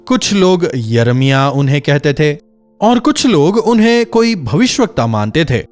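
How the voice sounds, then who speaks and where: Animated high-voiced male preacher. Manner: expressive preaching, rhetorical questions to listeners. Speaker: pastor. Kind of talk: daily devotional sermon.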